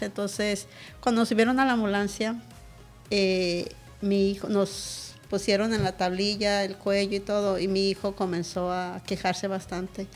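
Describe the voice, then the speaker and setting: A woman pastor, a guest in an interview, recounting a personal testimony in a vivid, emotional way. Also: mid-range voice.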